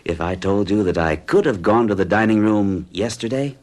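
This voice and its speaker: Speaking at a normal pace in a fairly low, darkish, natural voice, an actor plays a troubled young American in 1970s radio drama. In love yet afraid, this hero hesitantly and earnestly describes a disturbing romance to his psychiatrist.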